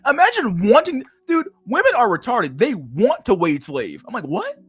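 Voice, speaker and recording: A man's voice: very high voice, huge pitch swings, moderate pace, fairly bright tone, breathy edge, dry recording, soft background music. A man in his thirties reading an article aloud on a stream, then breaking off into crude, mocking rants with frequent laughter. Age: 30s. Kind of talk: casual livestream commentary.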